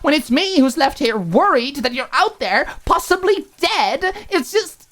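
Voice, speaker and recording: In an audiobook, a woman voices a furious, hurt young adult roommate, pitching well above her natural voice in a high, sing-song, somewhat bright tone at a slightly slow pace. Heavily acted, she fires off sarcastic, emphatic rhetorical questions in an exasperated rant.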